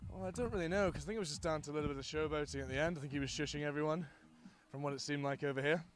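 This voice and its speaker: A young man doing chatty live rugby commentary from beside the pitch, laughing often as he talks. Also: rapid-fire.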